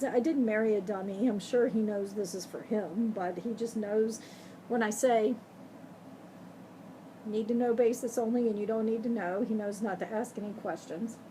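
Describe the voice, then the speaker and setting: A middle-aged woman talks casually to her camera about needlework, wandering from point to point and correcting herself as she goes. Her pitch sits in an ordinary middle range for a woman. A faint background hiss runs under her home recording. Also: dark tone, poor audio. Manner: chatty, rambling, self-correcting. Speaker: cross-stitch vlogger. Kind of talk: casual show-and-tell chat.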